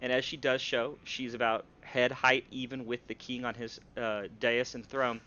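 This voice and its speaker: Acting as game master for a tabletop role-playing game, a man describes scenes in a measured way. His mid-range voice is level in tone yet pushed and bright, though the audio sounds dull.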